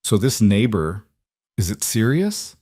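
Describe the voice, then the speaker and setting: A man's voice: lowish voice, sing-song, unhurried, darkish tone, slightly rough, no room sound, clean studio sound, exaggerated voice. A man doing a coaxing older mother. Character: warm, wise older mother, gently persistent.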